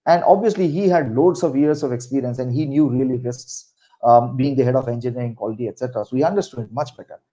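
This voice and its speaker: Muffled audio captures a fast-talking middle-aged man with a medium-pitched, mellow voice and a Marathi Indian accent, from Maharashtra. He's a senior corporate executive being interviewed, giving career advice through anecdotes in an emphatic, conversational way and repeating phrases for emphasis.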